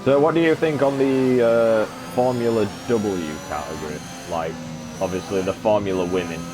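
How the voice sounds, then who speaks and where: Low-voiced man rambling over steady noise. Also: normal speed. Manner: rambling, full of filler sounds. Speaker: gaming streamer. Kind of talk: casual chat while playing a racing game.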